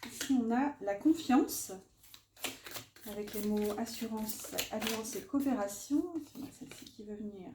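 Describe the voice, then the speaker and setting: A woman's voice: medium pitch, moderate pace. A woman doing a casual oracle card reading, chatty, muttering to herself with many fillers as she lays out the cards. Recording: echoey room with faint noise.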